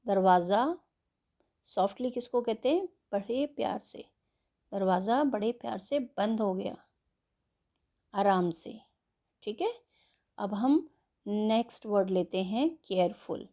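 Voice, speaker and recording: A woman teaching an English worksheet, slowly spelling words letter by letter and explaining them in Hindi. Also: medium pitch, lively intonation, dark tone, muffled recording. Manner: slow and patient.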